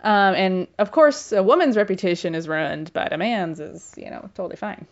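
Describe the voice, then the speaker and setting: A woman's voice: mid-range voice, normal speed, lo-fi sound. A young woman giving a casual book summary, chatty and irreverent, full of filler words and slang.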